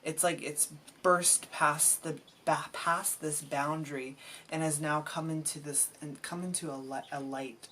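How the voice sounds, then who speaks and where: A low-pitched woman reads tarot cards aloud at an unhurried pace, searching for words and restarting her thoughts as she goes. Faint ambient noise sits behind her voice. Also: steady tone, fairly bright tone. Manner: musing, halting, emotional, trails off and restarts. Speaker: tarot reader. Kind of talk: intuitive tarot reading.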